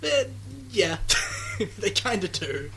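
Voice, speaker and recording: A man doing live esports commentary, chatty and sarcastic, who gets loud and excited during fights. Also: high voice, slow pace, slight background noise, poor audio. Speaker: game commentator.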